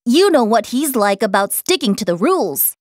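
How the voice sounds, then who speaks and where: Storybook role: a cheeky young schoolboy, high and bouncy, read by a woman, dry booth sound. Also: very animated, normal speed, no room sound. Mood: teasing. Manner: bright, high boyish voice. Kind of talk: storybook character voice.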